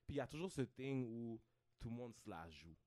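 Here a male content creator chats casually as a podcast guest, his Quebec-accented French laced with English slang and frequent "tu comprends?" asides. The voice is medium in pitch, mellow and expressive, moving at a fairly quick clip.

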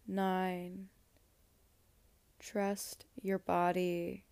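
A woman guiding a meditation in a slow, soft, soothing voice with long pauses. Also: on the low side, completely flat delivery, vocal fry, smooth, dry recording. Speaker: meditation guide. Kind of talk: guided meditation.

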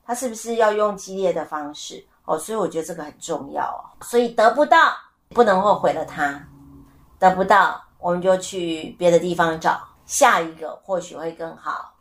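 A middle-aged woman hosting a casual solo podcast, telling stories with lively acted-out voices and asking her listeners questions. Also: on the low side, normal speed. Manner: animated storyteller who asks listeners questions. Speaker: podcast host.

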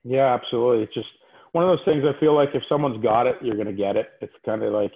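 A man's voice: medium pitch, steady tone, fast. A man, a hockey coach, chatting casually as an interview guest over a thin, phone-like connection. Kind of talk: casual chat. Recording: tinny, phone-like line.

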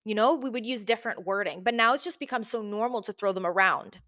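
A woman's voice: mid-range voice, fast, pushed and bright. A young adult woman gives casual, conversational commentary as a video host, sprinkling in "like" and "again", recorded in a big, sparsely furnished room that echoes. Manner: informal, conversational, frequent "like" and "again".

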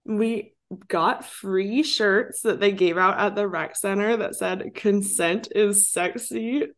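A woman's voice: medium pitch, takes it slowly. Giggly young woman hosting a chat. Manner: giggly, says "like" a lot. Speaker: podcast host. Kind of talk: casual chat.

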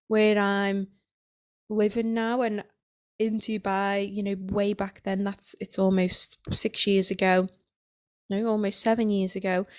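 Woman, 30s, podcast host; smooth, resonant voice, candid and halting delivery. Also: mid-range voice. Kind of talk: personal podcast monologue.

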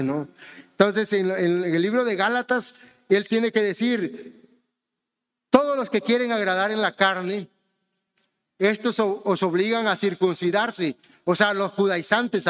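A man from Honduras, his voice sitting high and a bit bright in a big-room sound, preaches a sermon conversationally. He often poses questions to the congregation such as "¿verdad?" and calls them "hermanos."

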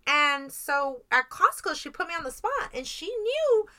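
A woman's voice: high-pitched, normal speed. A middle-aged woman co-hosting a casual podcast, telling stories with lots of energy and swearing freely. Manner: animated storyteller who swears freely. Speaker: podcast co-host. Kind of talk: casual chat.

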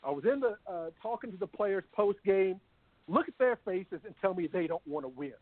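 A man's voice: high voice, animated, fairly quick, no room sound. A man co-hosting a sports talk show, ranting emphatically and repeating his points. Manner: fired-up, emphatic, repeats phrases. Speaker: co-host. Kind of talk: sports talk radio rant. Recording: phone-quality audio.

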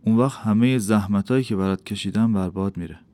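A man reading an audiobook, voicing a wise, kindly old teacher who speaks slowly and gravely. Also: on the low side, no echo, close to an everyday voice. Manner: slow, grave, warm. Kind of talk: audiobook character voice.

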